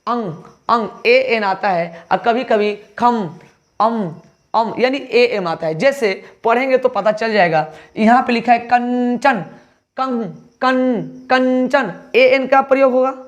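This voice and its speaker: A man's voice: very high voice, measured pace, few pauses. A male teacher giving an online exam-prep lesson, spelling words letter by letter and answering his own questions. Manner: asks questions then answers them himself.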